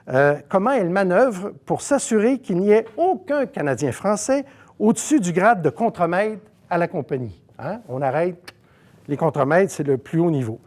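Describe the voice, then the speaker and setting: Québécois man lecturing in a lively way. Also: on the high side. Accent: Québécois French. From Saguenay, Quebec. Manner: animated, conversational, frequent fillers and asides. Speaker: lecturer at a seminar. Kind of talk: storytelling lecture.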